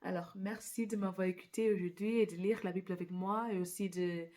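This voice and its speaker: A woman with an English accent, a native English speaker, reading scripture aloud carefully and haltingly, stumbling and restarting on words. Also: mid-range voice, fairly even intonation, dark tone. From England. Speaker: Bible reader.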